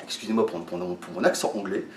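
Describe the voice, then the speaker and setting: Hesitant fitness coach, echoey room. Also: male voice, deep voice, steady tone, fast talker, distant mic. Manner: hesitant, many fillers and restarts, addresses viewers as friends. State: a little tired. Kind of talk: casual explanatory talk to viewers.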